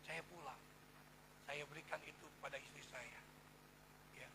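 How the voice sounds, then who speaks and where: A middle-aged male pastor preaches in a church, his slightly high voice thick with gravel. He drops into near-whispers, then surges to loud emphatic calls, repeating his address to the congregation. A steady hum sits clearly under the recording. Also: normal speed. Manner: testimony-style preaching, repeats "saudara", swings between hushed and loud. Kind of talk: sermon.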